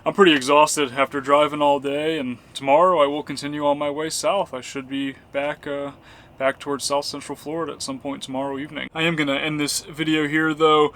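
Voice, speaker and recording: A man's voice: a little high, flat delivery, brisk, a bit bright. Easygoing American man vlogging. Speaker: travel vlogger. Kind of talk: casual vlog narration.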